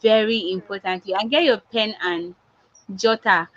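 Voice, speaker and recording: Steady in tone, this woman speaks at normal speed in a mid-range voice and a Nigerian accent. She coaches public speaking and is giving a motivational online talk, repeating herself for emphasis; the audio is dull and lo-fi, typical of online recordings.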